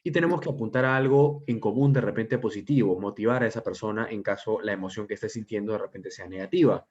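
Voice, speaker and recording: Man, low voice, lecturing, muffled lo-fi sound, keeps asking "right?". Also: quick pace, a little mellow. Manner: explanatory, asks frequent check-in questions. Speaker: teacher. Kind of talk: online class lecture. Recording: dull lo-fi audio.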